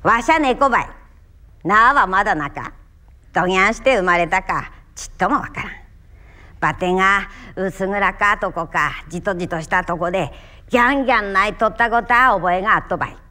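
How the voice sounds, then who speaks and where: A woman's voice: medium pitch, brisk, sharp tone, close to an everyday voice. A woman voicing a nameless stray cat in a broad Kumamoto dialect, reciting earthily and emphatically. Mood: folksy.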